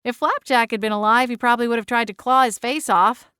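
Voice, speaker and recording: A woman's voice: a little high, a little fast, pushed and bright, smooth, no echo. Friendly young female lead, acted by a woman narrator, wry and casual, dry audiobook sound. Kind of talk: audiobook character voice.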